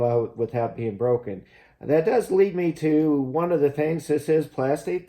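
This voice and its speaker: Mellow-voiced man presenting a gear review. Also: medium pitch. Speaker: host of a gear review channel. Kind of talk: casual product review to camera.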